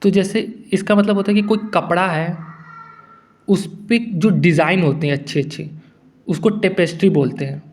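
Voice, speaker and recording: High-voiced man teaching vocabulary casually. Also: moderate pace. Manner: relaxed, conversational, mixes English words into Hindi. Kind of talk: casual explanatory lesson.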